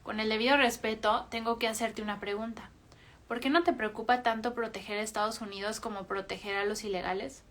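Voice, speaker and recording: A woman's voice: on the high side, steady tone, fairly quick, a bit bright. A woman reading aloud in the voice of a judgmental middle-aged mother, stiffly polite and lecturing.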